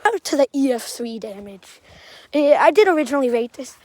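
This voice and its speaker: A woman with a slightly high voice and a Southern-sounding lilt narrates as she walks outdoors through wreckage. Her remarks come in halting bits that ramble and often fade to a murmur, with faint noise behind her. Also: expressive, darkish tone. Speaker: storm damage surveyor. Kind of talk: walking tour commentary. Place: outdoors at a damaged site.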